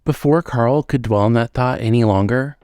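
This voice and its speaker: A man narrating a horror story in a steady, suspenseful reading style. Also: medium pitch, moderate pace, clear, resonant tone, no echo, clean studio sound.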